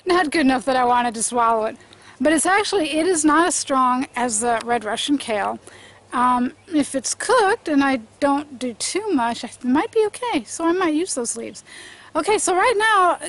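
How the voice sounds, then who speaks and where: A middle-aged woman with a congested throat, chatting casually as she films a walk through her sunny garden, thinking aloud with fillers and restarts. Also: high voice. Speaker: homestead gardening vlogger. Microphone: handheld camera at arm's length.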